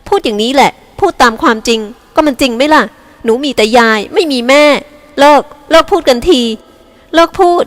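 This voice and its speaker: หญิงสาวพากย์เป็น น้องสาวขี้งอนเสียงแหลมแว้ด. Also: female voice, high voice, fast, fairly bright tone, big-room sound, voice pushed up. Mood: resentful. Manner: snapping, resentful. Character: sulky, hot-tempered young woman, younger sister.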